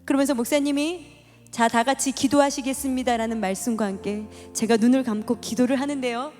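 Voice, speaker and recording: A woman's voice: fairly high pitch, fairly even intonation, brisk, a little mellow. A woman telling an emotional personal testimony at a church gathering, with a dramatic, storytelling delivery. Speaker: testimony speaker. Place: church hall. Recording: long hall reverb with music behind.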